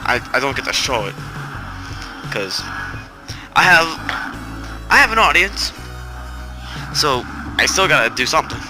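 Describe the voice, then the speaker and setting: Stressed-out gamer dude, kinda flat robot-ish talking, keeps tripping over words, game music playing loud behind. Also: male voice, mid-range voice, measured pace, pauses often. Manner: flat, robotic-sounding delivery; rambling, self-correcting. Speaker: gaming channel host. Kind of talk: casual gameplay commentary.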